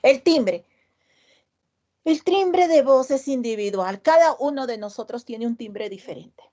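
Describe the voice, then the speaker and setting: A woman's voice: high-pitched, expressive, unhurried, mellow, dull audio. Woman teacher explaining patiently. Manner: explains step by step, repeating key terms and asking the class questions. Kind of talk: online class lecture.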